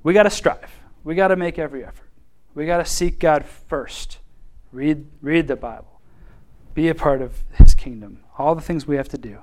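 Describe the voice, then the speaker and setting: Animated high-voiced man teaching the Bible. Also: normal speed. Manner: animated, acts out voices, laughs often.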